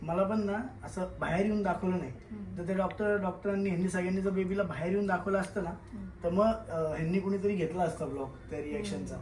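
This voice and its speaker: A man's voice: sits high, steady tone, fast talker, reverberant, background noise. A chatty new father filming a casual vlog in a hospital, often laughing. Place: hospital corridor.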